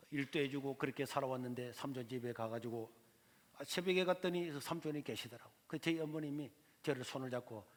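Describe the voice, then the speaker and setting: Pastor preaching a story, highish voice, long church reverb. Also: male voice. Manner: acts out dialogue of his mother, uncle and others in a lively storytelling voice. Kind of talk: sermon storytelling. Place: large church sanctuary. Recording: hall reverb of a church sanctuary.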